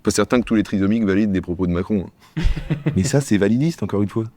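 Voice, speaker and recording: Fast low-voiced man in a sketch. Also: expressive, dark tone, no room sound. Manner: quick, bickering back-and-forth between two characters. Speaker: sketch comedian. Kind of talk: comedy sketch dialogue.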